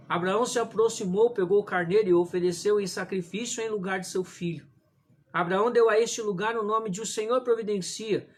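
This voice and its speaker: A man preaching a livestreamed sermon indoors, reading scripture aloud in a measured way and calling his listeners brothers. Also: sits high. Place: indoor room at home, religious images behind him. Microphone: livestream camera.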